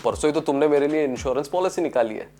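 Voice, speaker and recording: A man's voice: a little high, lively intonation, very fast, crowd noise. A young man in a scripted comedy sketch, playing a husband and firing off sarcastic one-liners.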